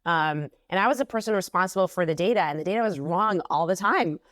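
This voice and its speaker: An Israeli woman in her thirties, a company CEO appearing as a guest, answers interview questions chattily with lots of ums and restarts. Her voice is on the low side, fast and a bit bright. She's on a video call from a home office using an earphone mic, and the sound is clean, studio-like and free of room sound.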